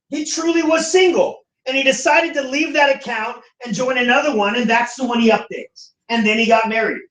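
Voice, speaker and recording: High-voiced male teacher, distant echoey room. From United States. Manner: animated, acts out quoted voices. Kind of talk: classroom lecture. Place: classroom. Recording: echoey classroom from far off.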